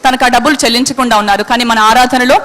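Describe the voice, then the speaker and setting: A woman's voice: a little high, fairly even intonation, very fast, a bit bright, in a large hall. A woman introducing a testimony in a church, speaking formally with many filler words. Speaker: church announcer.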